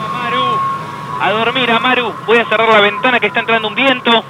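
A man playing a caring father with a Rioplatense accent in a school radio play, speaking softly and coaxingly. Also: very high voice, flat delivery, fairly quick, noisy background. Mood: tender. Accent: Rioplatense Spanish. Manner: soft-spoken, coaxing.

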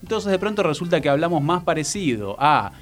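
A man's voice: a little high, very animated, faint music behind. A man from Argentina with a Rioplatense accent, a teacher explaining things patiently and often checking in with "¿no?". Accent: Argentine Rioplatense Spanish. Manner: patient, measured, frequent "eh" fillers and "¿no?" tags. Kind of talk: explanatory educational talk.

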